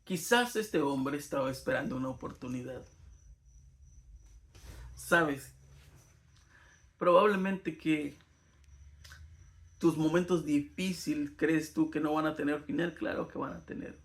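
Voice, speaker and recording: A man's voice: a little high, takes it slowly, long pauses. A man giving an earnest Bible lesson in sermon style, his voice rising and falling for emphasis. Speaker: Bible teacher.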